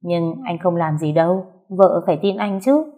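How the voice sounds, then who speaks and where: A woman's voice: fairly low pitch, animated, moderate pace, narrow, tinny audio. A woman voicing a drunk young husband who coaxes and teases his wife, in a told story. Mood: coaxing.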